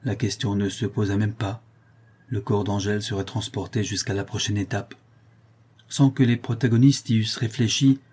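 A man reads a historical novel aloud with measured, even storytelling. His voice is low and dark, with a husky grain. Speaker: audiobook narrator. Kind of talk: scripted narration of a historical novel.

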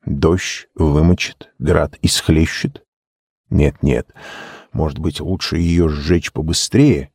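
A man voicing a gentle, cunning old male lord who talks in a mild, measured, persuasive way. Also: a bass voice, husky, no room sound, clean studio sound, exaggerated voice.

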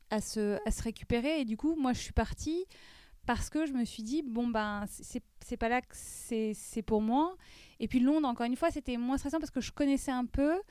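Woman podcast guest, higher mellow voice, hesitant and reflective, dry close mic. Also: clear, resonant tone, no echo. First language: French. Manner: reflective, many hesitations and restarts. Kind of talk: podcast interview.

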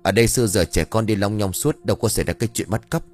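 A worried man from the barracks talks anxiously while trying to reassure the others, as a narrator puts him on. His voice is low. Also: fast talker, a little mellow, soft background music, close to an everyday voice.

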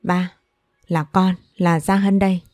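A woman voicing a gentle, polite young woman in a storybook reading. low, warm, mellow voice, soft and plain, in a dry close room. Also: flat delivery, unhurried, dry recording, faint music behind, close to an everyday voice.

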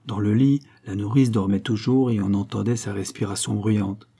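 A man reading an audiobook with measured, dramatic storytelling. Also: lowish voice, fairly even intonation, creaky, dark tone, breathy edge. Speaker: audiobook narrator. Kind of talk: scripted audiobook narration.

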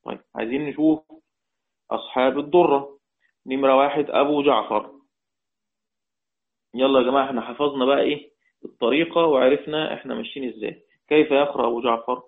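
A man's voice: medium pitch, steady tone, quick pace, pauses often. A man with an Egyptian accent teaching a lesson on Quranic readings, explaining step by step, putting questions to his class and repeating key phrases. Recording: tinny phone-like audio.

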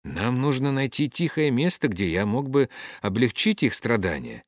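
A man reading a gentle young priest. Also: mid-range voice, normal speed, no room sound, studio quality, close to an everyday voice. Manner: soft and calm. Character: gentle young male priest, patient and kind.

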